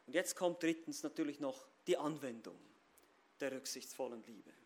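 A man preaching a sermon and speaking straight to his listeners. He swings between loud stressed phrases and quiet low asides. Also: moderate pace. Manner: addresses listeners directly.

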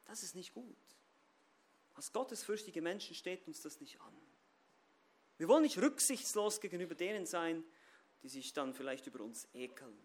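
High-voiced man preaching with emphatic swings. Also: lively intonation, moderate pace, pauses often, slightly rough. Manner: emphatic, swings between loud stress and low asides; addresses listeners directly. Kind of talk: sermon.

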